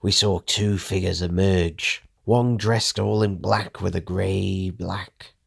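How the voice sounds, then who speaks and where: A man narrating a first-person audio drama story in a steady, measured way. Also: low voice, creaky, breathy edge, dry recording, clean studio sound.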